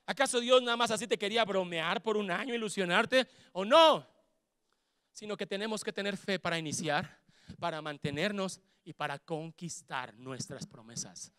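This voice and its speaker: A man with a Mexican Spanish accent preaching a sermon as pastor, fervent, building to shouts and acting out quoted voices. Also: high voice, normal speed, clean tone, no echo, clean studio sound.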